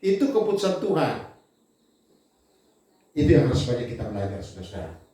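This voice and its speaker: A man preaching a sermon in an animated way, swinging between loud emphasis and quiet asides. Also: medium pitch, a little fast. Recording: very echoey hall, voice from far off.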